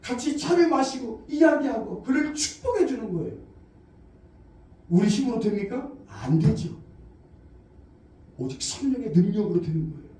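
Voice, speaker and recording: A woman pastor preaches in a high, mellow voice, posing questions and answering them herself and repeating key phrases. She is heard from some distance in a small church that rings with heavy echo. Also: big pitch swings, normal speed, long pauses. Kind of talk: sermon.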